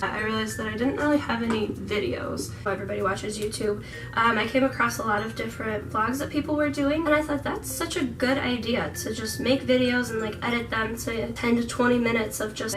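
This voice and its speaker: A woman's voice: a little high, distant mic, poor audio. Chatty, giggly woman vlogger in her twenties. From Netherlands. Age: 20s. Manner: chatty and giggly, laughs often. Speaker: vlogger co-host. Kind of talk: casual Q&A chat.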